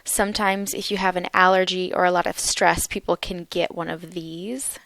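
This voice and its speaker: A woman teaching English vocabulary, speaking slowly and carefully and repeating words for learners. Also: fairly low pitch, fairly even intonation, vocal fry, a bit bright, no echo. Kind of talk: slow, clear vocabulary lesson.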